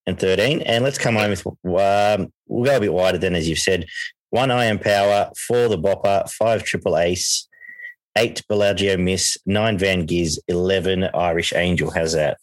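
Low-voiced Australian man, casual racing tipster. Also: normal speed, no echo, low-quality recording. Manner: conversational, thinking aloud. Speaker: horse racing podcast host and tipster. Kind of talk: casual racing preview chat.

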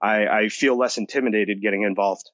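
A young American man is an enthusiastic, talkative podcast guest in a casual interview, filling his speech with lots of "like." His voice is lowish and a bit bright, with fairly even intonation and a fairly quick pace. The lo-fi recording has no room sound.

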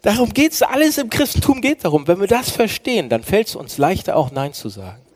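Earnest preacher man, dramatic hush and swell. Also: sits high, sing-song, fairly quick. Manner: dramatic swings from loud declaiming to hushed near-whisper; earnest, addresses listeners as friends. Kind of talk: sermon.

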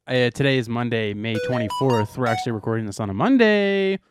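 Lively young man teasing his co-host. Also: mid-range voice, brisk, noisy background. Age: 20s. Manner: joking, teasing. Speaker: podcast co-host. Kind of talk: casual chat.

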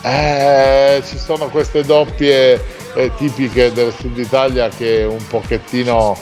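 A man hosting a radio show in casual, teasing chat, talking in halting phrases and adding little tag questions. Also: mid-range voice, little pitch movement, a little mellow, soft background music.

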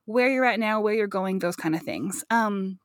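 A woman's voice: medium pitch, moderate pace, no room sound, clean studio sound. A woman chatting casually as a gushing, giggly podcast co-host, recorded inside a closet. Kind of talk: casual chat. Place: inside a sizable home clothes closet.

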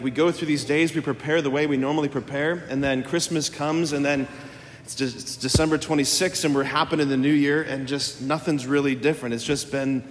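A man's voice: on the high side, slight background noise. A man preaches a conversational sermon in a large church, informal, repeating phrases and checking in with his listeners. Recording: long church reverb.

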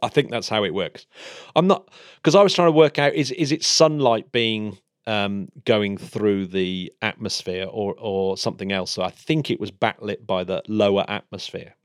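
A man's voice: fairly low pitch, moderate pace, smooth, no room sound, studio quality. A man in a casual science chat, hesitant and hedging, with many restarts. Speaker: podcast co-host.

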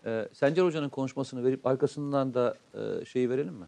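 Fast-talking male co-host. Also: mid-range voice, warm tone. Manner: brisk, practical, plans the running order. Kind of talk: casual live-stream chat.

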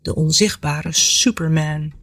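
A woman's voice: sits low, slow pace, vocal fry, fairly bright tone, pitched below the performer's own voice, exaggerated voice. A woman voicing a playful, mischievous young girl who chirps and drops French words into her talk.

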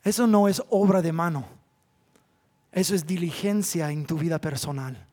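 A man, a pastor preaching a sermon in church, swinging from loud, drawn-out appeals to hushed asides. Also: a little high.

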